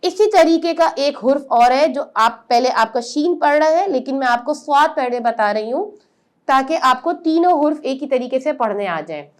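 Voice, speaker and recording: A woman with a high-sitting, animated voice leads a step-by-step lesson on pronouncing Quran letters. She explains with patience and then draws out each sound slowly and loudly.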